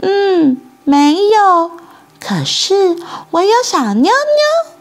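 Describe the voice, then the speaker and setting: Woman reader doing a cheerful, fearless little girl for a storybook; high, bouncy, airy tone. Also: very animated, extremely slow, heavily acted. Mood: matter-of-fact.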